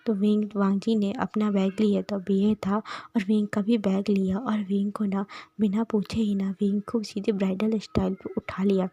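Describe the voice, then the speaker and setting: A woman retells a fan-fiction romance in a hushed, breathy half-whisper, often stopping to restart a phrase. Her tone is mellow and dark. The sound is dry and close, as in a quiet room. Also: medium pitch, level tone, moderate pace, no room sound. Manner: soft half-whispered narration with frequent restarts. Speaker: storyteller. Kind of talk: casual fan-fiction storytelling.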